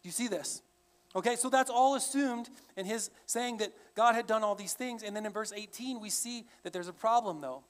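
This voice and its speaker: Man, pastor, high-pitched, conversational sermon, restarts phrases. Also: moderate pace. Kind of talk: expository sermon.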